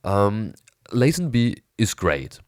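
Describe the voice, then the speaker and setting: A man with a raspy, hoarse voice from a cold, rambling enthusiastically through a casual film review with hesitant restarts. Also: on the low side, big pitch swings, takes it slowly, dry recording, clean studio sound. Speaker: movie review vlogger.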